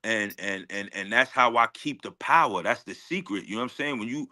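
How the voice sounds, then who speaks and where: With a lowish, sharp-toned voice and lively intonation, this rapper speaks fairly quickly as an interview guest. His casual talk is thick with slang, confident and emphatic, and he often says his phrases twice.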